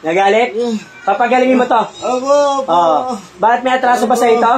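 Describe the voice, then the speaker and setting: Insistent faith healer questioning a spirit. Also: male voice, extremely high pitch, brisk. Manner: insistent, repeating questions again and again. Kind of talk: healing and exorcism session. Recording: crowd noise behind. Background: crowd of onlookers.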